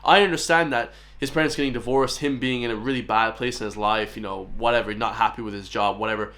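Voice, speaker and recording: A man's voice: on the low side, steady tone, fast, a bit bright. An Irish man hosting a reaction channel, giving emphatic casual commentary and often speaking straight to his viewers. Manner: emphatic, keeps addressing viewers as "guys".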